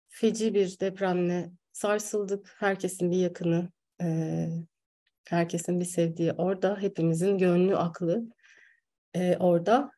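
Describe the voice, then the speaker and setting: A woman hosting an online psychology session, speaking earnestly with halting pauses and fillers. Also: medium pitch, dark tone. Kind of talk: opening remarks at an online workshop.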